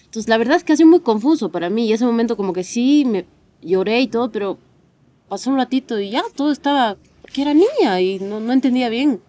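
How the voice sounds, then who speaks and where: A woman's voice: a little high, expressive, fast talker, mellow. A woman, talking reflectively and a little hesitantly about a childhood memory in a documentary interview. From Bolivia. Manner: reflective, hesitant, lightly laughing. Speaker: interviewee, daughter.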